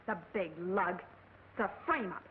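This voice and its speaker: An actress playing a brassy, quick-witted screwball comedy dame, in snappy 1940s film style. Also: female voice, medium pitch, lively intonation, close to an everyday voice. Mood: urgent, bossy. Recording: tinny, hissy old film soundtrack.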